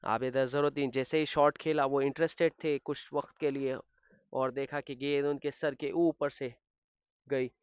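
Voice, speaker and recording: A man giving live cricket commentary as the match commentator, getting excited on big shots. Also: medium pitch, moderate pace, clear, resonant tone, no echo, highs cut off.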